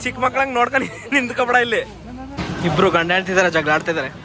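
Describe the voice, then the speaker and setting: A young man vlogs outdoors on a phone, his fairly high voice racing along as he teases his friends. A thick crowd and street noise surround him. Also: expressive. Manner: teasing, quick banter with friends. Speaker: vlogger. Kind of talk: casual travel vlog chat. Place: outdoors at a busy temple area and parking lot.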